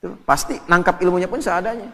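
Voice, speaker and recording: Male preacher from Indonesia, animated and humorous, recorded in a reverberant hall. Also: high voice, quick pace. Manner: lively and joking, quoting Arabic scripture. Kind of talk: sermon.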